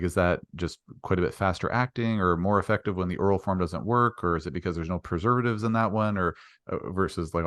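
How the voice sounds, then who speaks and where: A man's voice: low-pitched, dry recording, clean studio sound. A young man hosting an interview, polite and hesitant, asking long questions full of fillers and apologies. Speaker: interview host, naturopathic doctor.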